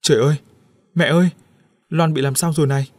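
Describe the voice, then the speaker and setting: A man's voice: medium pitch, steady tone, a little fast, a little mellow, no room sound, clean studio sound, natural voice. A man voicing a worried young husband. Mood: alarmed. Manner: urgent, weary.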